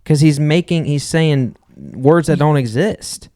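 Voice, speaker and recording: A man's voice: a little high, a little slow, dark tone, no room sound, studio quality. A man co-hosting a podcast, arguing his point stubbornly in casual chat and laughing it off. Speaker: podcast co-host.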